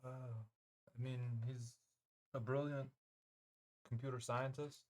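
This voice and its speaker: A man's voice: mid-range voice, flat delivery, pitched above the performer's own voice, lightly acted. A worried wife of a scientist, put on by a male game master. She hesitates, trails off and restarts her sentences in a tabletop game. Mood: hesitant. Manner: hesitant, halting with fillers. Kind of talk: tabletop role-play voicing.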